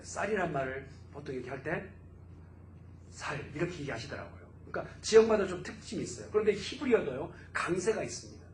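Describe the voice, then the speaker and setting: A man pastor preaching a fervent sermon in a church, his voice swelling to loud exclamations. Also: a little high, animated, fast, few pauses, a little hiss or hum. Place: church sanctuary. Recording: roomy church echo.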